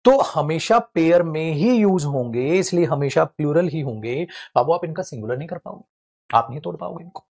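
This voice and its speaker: A man teaching English grammar in a lively, joking classroom lecture, calling his students friends and brothers. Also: fairly high pitch, normal speed.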